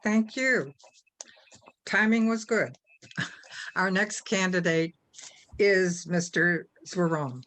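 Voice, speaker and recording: A woman moderating a candidate forum, laying out rules and introducing speakers in a measured way. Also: lowish voice, fairly bright tone. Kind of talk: formal moderating.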